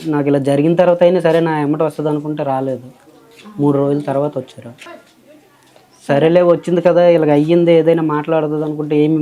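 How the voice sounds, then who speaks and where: A man's voice: on the high side, mellow. A man being interviewed as a father, recounting at length in a rambling way. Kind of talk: casual interview.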